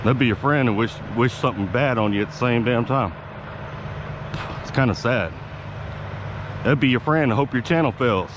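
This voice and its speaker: A man's voice: mid-range voice, normal speed, pauses often. A man talking casually to his viewers as a vlogger, rambling in a laid-back, slangy way with some swearing. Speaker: YouTube vlogger. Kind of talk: casual rambling talk to camera. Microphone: action camera clipped to his hat. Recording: clear outdoor and vehicle background noise.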